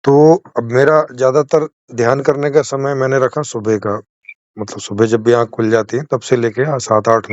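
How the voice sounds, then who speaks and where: A man's voice: medium pitch, dry recording, dull audio. A man hosting a casual conversation over a video call, attentive and explaining with personal examples. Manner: attentive, frequent short acknowledgements. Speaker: host.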